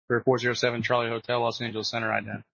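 A man's voice: mid-range voice, flat delivery, very fast, creaky, bright, forceful tone, no room sound. A man giving procedural instructions as an air traffic controller over radio. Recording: muffled dry aviation radio.

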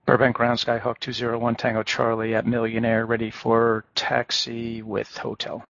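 A man's voice: mid-range voice, monotone, normal speed, gravelly, fairly bright tone, a little hiss or hum. A man speaking as a pilot, giving clipped radio calls and readbacks. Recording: dull lo-fi radio audio.

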